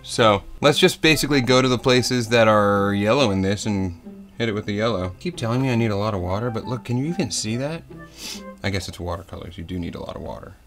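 A young man hosting a comedic painting tutorial parody, talking in a soft tutorial voice that slips into crude jokes. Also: lowish voice, fairly quick, faint music behind. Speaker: comedy host.

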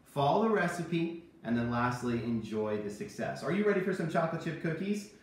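A man in his thirties gives children an emphatic, repetitive Bible lesson in a home kitchen, alongside a puppet sidekick. His voice is a little high and sing-song, fairly quick, and the recording is very echoey with a distant microphone and slight background noise.

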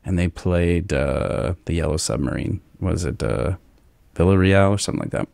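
A man's voice: low voice, moderate pace, gravelly, darkish tone, dry recording. A man from Kentucky hosting a podcast, chatting casually and rambling, with filler words. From Northern Kentucky, US. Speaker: podcast host. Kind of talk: casual chat.

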